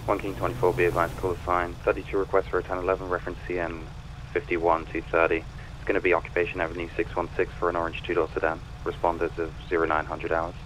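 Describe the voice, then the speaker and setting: A man's voice coming through a police radio channel, rattling off dispatch codes and unit numbers at a fast clip. His pitch sits low and barely moves, giving every call a flat, businesslike sound. There is a faint hiss of noise behind him. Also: rough recording. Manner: terse, flat, rapid-fire code talk. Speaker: police dispatcher in a roleplay game.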